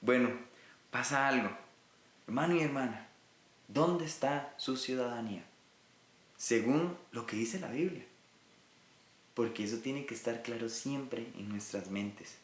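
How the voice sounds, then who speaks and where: A man's voice: medium pitch, animated, unhurried, long pauses, echoey room, slight background noise. A man from Rica, teaching a recorded Bible lesson in an earnest way and speaking directly to his listeners. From Costa Rica.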